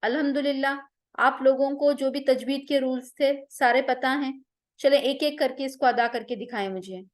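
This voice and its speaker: A woman's voice: high voice, steady tone, normal speed. A woman teaching a Quran recitation class online, patiently drilling sounds with repeated vowel examples.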